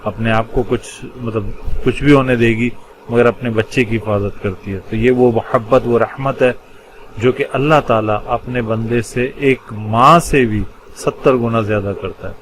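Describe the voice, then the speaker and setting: A man teaching a religious lesson in Urdu, explaining Arabic word patterns. He goes patiently, pausing often and stressing key words. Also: mid-range voice, fairly even intonation, slight background noise, poor audio. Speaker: Quran teacher.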